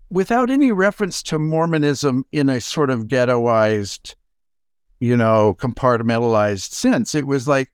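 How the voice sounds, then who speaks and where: Older guy, music prof, thinking out loud with lots of uhs and restarts, dry recording. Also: a little high, clean tone, no room sound. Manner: halting, many fillers and restarts. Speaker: award recipient, music professor. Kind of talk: reflective acceptance talk.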